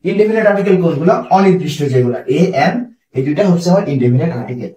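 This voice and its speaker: A young man tutoring for an exam at a brisk, rushed pace, his voice sitting a bit high for a man. He asks questions and answers them himself, and slows right down to spell out each example. The sound is roomy and echoey, and he is a little far from the mic. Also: lively intonation, mellow. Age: young adult. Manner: explains step by step, asks and answers his own questions, reads examples slowly. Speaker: English grammar teacher. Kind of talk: online exam-prep lesson.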